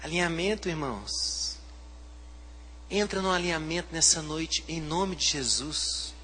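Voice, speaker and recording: A man with a Brazilian Portuguese accent, a pastor preaching a sermon, swinging from hushed to loud, fervent delivery. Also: on the high side, measured pace, big-room sound, slight background noise.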